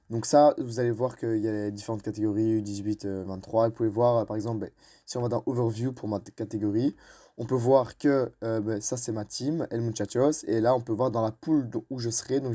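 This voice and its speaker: A man's voice: lowish voice, warm tone. A young man, explaining step by step with many fillers and restarts. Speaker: YouTuber. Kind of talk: screen-recorded tutorial narration.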